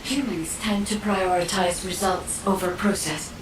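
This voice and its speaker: A woman voicing a composed, solemn artificial guide in a video game, with measured, formal speech. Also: medium pitch, steady tone, lightly acted. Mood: calm, solemn. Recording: roomy, distant, clearly noisy ambience.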